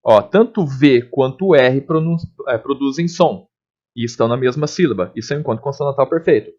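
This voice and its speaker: Guy teaching a grammar lesson, bouncy lively voice, keeps checking in, muffled lo-fi sound. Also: medium pitch. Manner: explanatory, checks in with "tá?" and "ok?", spells out letters and sounds slowly. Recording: dull lo-fi recording.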